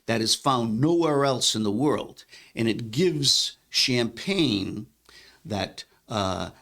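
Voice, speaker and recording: A man hosting a wine podcast from a studio, chatting casually at a medium pitch. He rambles a little, stopping and restarting with frequent fillers as he explains. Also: lively intonation, slow pace, creaky, fairly bright tone. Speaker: podcast host.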